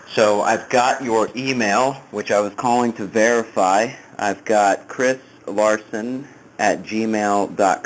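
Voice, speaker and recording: A man, a sales recruiter, leaving a businesslike voicemail over an internet phone line and slowing down to read out numbers. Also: lowish voice, a little hiss or hum. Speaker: sales recruiter calling applicants. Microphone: calling over an internet phone line.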